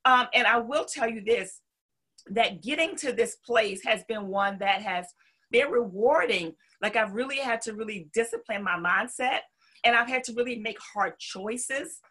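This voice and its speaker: A woman's voice: fairly high pitch, normal speed, bright, forceful tone, breathy edge. A middle-aged woman with a Southern US accent, telling her story conversationally as an interview guest, emphatic and full of folksy asides. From North Carolina, southern United States.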